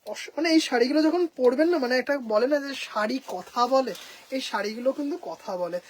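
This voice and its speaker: A woman's voice: sits high, animated, fast, slight background noise, rough recording. Bengali woman enthusiastically showing sarees. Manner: enthusiastic, mixes English phrases, addresses viewers as sisters. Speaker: saree boutique seller. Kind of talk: live sales showcase. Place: home boutique, indoors.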